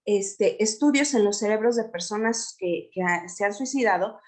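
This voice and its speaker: A woman's voice: mid-range voice, moderate pace, darkish tone. A woman giving an explanatory lecture to teachers, often checking in with her listeners.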